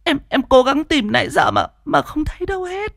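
A man's voice: very high-pitched, huge pitch swings, a little fast, gravelly, a bit bright, dry recording, studio quality, pitched above the performer's own voice, full character voice. A man voicing a panicked young mother in a spoken ghost story, stammering as she searches for her missing child.

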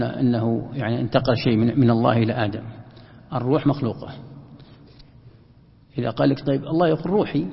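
A man's voice: mid-range voice, vocal fry. A man giving a Quran commentary lesson, asking questions and then answering them himself. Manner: asks and answers his own questions. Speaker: Quran teacher. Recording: dull lo-fi sound in a reverberant hall.

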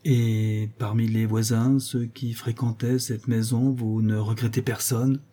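A man's voice: medium pitch, little pitch movement, measured pace, warm tone, breathy edge. A man voicing a nervous, hesitant prince in a read-aloud novel, speaking in a subdued way. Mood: anxious. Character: anxious nervous male prince, middle-aged suitor.

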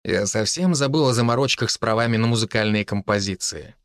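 A man's voice: lowish voice, brisk, no echo. Man narrating an audiobook, dry close sound. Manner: steady, earnest storytelling. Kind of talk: scripted first-person narration.

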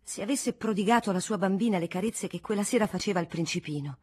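A woman narrates a classic novel with a husky, breathy voice at a mid pitch. Her reading is measured and expressive, shaping each sentence with care. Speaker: audiobook narrator. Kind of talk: literary audiobook narration.

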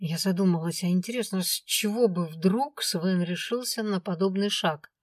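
A woman narrating first-person fiction as an audiobook, reading in a lively, expressive way. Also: lowish voice, normal speed, no echo, studio quality.

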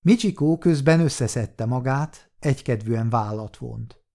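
A man narrating a first-person crime story in a calm, measured reading. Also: medium pitch, creaky. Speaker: audiobook narrator.

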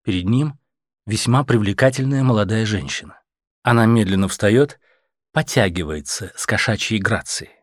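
A man narrating an audiobook in an expressive way. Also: lowish voice, moderate pace, no room sound, studio quality.

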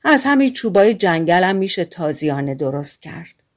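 A woman's voice: fairly low pitch, sing-song. An old tailor who scoffs at his son's tale, as a woman reader voices him. He sounds plain and dismissive, close to the narrator's own voice. It is set in a storybook audiobook. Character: doubting old male tailor, a father. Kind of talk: audiobook fairy-tale reading.

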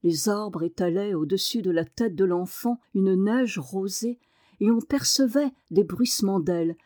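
A woman reading a novel aloud as an audiobook narrator, with measured, expressive narration. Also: mid-range voice, dry recording, studio quality.

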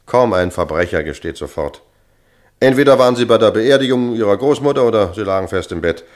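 In a German crime radio play, an actor with a low male voice portrays a seasoned police sergeant. He sounds matter-of-fact, measured, and authoritative, with a dry, cynical edge.

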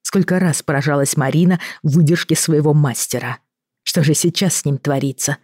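A woman reading a novel aloud as a narrator, with measured, even storytelling. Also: sits low, breathy edge, no echo, clean studio sound. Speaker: audiobook narrator. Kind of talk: scripted narration.

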